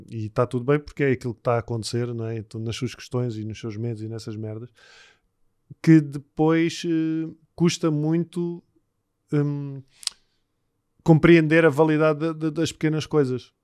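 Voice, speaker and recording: A man with a European Portuguese accent, hosting a podcast in casual chat and talking haltingly when he explains a point. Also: medium pitch, steady tone, darkish tone, clean tone, no room sound, studio quality. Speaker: podcast host.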